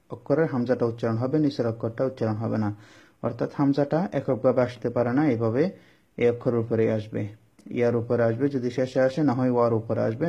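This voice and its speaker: Man slowly spelling out syllables. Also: medium pitch, warm tone. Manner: slow, repetitive letter-by-letter spelling, then the blended word. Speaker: Quran reading teacher. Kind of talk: spelling-drill lesson. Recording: dull lo-fi sound.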